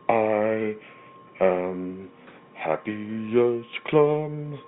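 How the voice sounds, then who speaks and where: A man playing a sinister, theatrical, mystical villain, speaking ominously and grandly on a voicemail in an audio drama. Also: very deep voice. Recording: noisy, tinny phone line.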